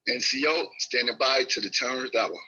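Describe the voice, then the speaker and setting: A man's voice: medium pitch, a little fast, sharp tone, breathy edge. A man acting as net control on a two-way radio, speaking in formal radio procedure and spelling letters phonetically. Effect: heard over a two-way radio link. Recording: lo-fi radio audio.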